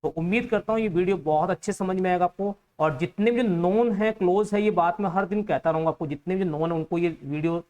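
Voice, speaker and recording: A man's voice: sits high, brisk, few pauses, darkish tone. An Indian-accented man teaching English vocabulary for competitive exams. He explains each word patiently, repeats it, and spells it out letter by letter. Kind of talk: vocabulary lesson for exam students.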